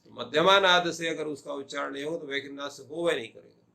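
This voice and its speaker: A man's voice: fairly high pitch, steady tone, brisk, vocal fry, pushed and bright. An older male professor lecturing on Sanskrit grammar, posing questions and answering them himself. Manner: explanatory, asks and answers his own questions.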